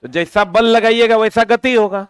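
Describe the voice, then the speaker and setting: A man teaches a physics class, lively and forever firing questions back at his students. His voice sits high and smooth. The sound is dry and close, with no room in it. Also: normal speed, dry recording.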